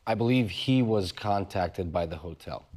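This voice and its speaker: An actor playing a solemn believer in the supernatural, speaking deliberately and cryptically as a mock documentary interview guest. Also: male voice, low-pitched, animated, darkish tone. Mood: solemn, cryptic.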